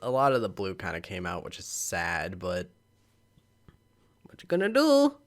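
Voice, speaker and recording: His low voice swoops wildly in pitch at a normal pace as he casually reads online posts to the camera. The young channel host is slightly sick, and he rambles and chuckles with many fillers, picked up by the camera mic.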